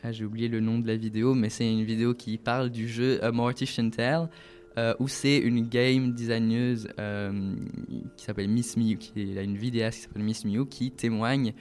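A man's voice: medium pitch, flat delivery, normal speed, a little mellow. A man explaining video games in a casual talk, hesitant, with many fillers and restarts. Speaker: guest presenting a video game event. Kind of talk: casual radio chat.

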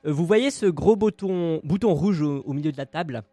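A man's voice: a little high, normal speed, dark tone, no echo, faint music behind. A man co-hosting a casual podcast, presenting a segment in a playful, theatrical, jokey way.

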